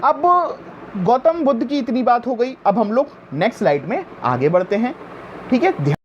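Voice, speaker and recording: A man with a high voice gives an exam-prep history lecture. He quizzes the class and answers his own questions, and he keeps reminding them to pay attention. The recording is dull and lo-fi, with faint noise underneath. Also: sing-song, moderate pace. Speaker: teacher.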